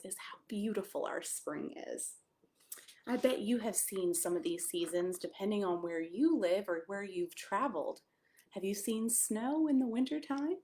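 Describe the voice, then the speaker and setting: An American pastor from Maryland reads a picture book aloud to young children, slipping in chatty asides and simple questions for them. Her voice is medium in pitch and a little mellow.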